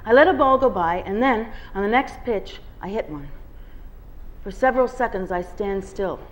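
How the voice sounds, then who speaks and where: Before an audience at a bookstore, a guest reader reads a novel aloud, giving its first-person story plenty of expression. Her medium-pitched voice is animated and moves at a normal speed.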